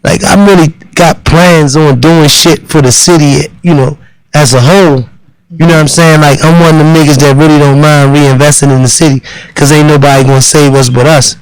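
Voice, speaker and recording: A Baltimore man guests on a podcast in a slightly raised pitch. He speaks earnestly and insistently, circling back to the same points. The sound is dry and close. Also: steady tone, fairly quick, smooth, no room sound, low-quality recording. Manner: earnest, insistent, repeats himself. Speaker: guest rapper. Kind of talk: casual interview chat.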